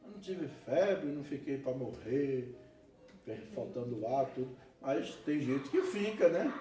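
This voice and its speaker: A man with a Brazilian Portuguese accent, a pastor preaching an animated sermon with laughter and asides. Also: mid-range voice, measured pace, faint music behind. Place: church hall. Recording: echoey church hall, mic at a distance.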